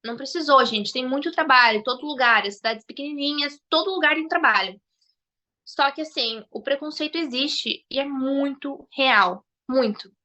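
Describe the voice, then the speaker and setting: A Brazilian woman with a Brazilian Portuguese accent talks over a video call as a podcast guest. Her voice sits high and bright. She tells her stories vividly and acts out the lines of the people in them. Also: normal speed, highs cut off. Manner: animated storyteller, acts out quoted dialogue. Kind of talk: casual podcast chat.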